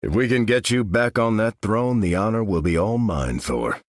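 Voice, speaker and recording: Here an American man plays Captain America, the stalwart veteran soldier hero and earnest, commanding leader of a video game, speaking earnestly and measuredly with military phrasing. He uses his natural voice, fairly low in pitch, at a moderate pace. The studio sound is clean and echo-free.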